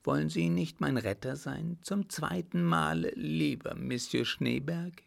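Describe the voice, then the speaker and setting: A man's voice: a little high, animated, a little slow, creaky, pitched above the performer's own voice, exaggerated voice. A man voicing a pouting young French lady. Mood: relieved. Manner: pouting, plaintive. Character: spirited young French lady, lost in woods.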